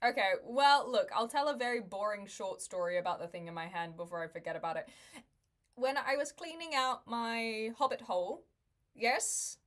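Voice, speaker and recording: A woman's voice: a little high, normal speed, fairly bright tone. A woman, chatting casually with viewers on a livestream, laughing often and making wry asides. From New Zealand. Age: 20s.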